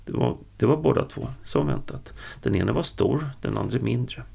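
A man reads a story aloud in the steady, unhurried manner of an audiobook. His voice is deeply gravelly and creaky, and it sounds husky and breathy. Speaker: narrator.

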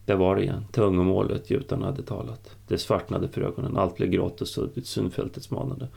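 Casting: male audiobook narrator, steady scripted narration, low and very gravelly.

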